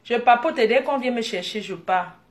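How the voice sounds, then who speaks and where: Woman vlogger, higher-pitched voice, lively laughing storyteller with excited outbursts. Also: normal speed. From Africa. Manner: animated, laughing, bursts into excited exclamations. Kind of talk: casual vlog storytelling.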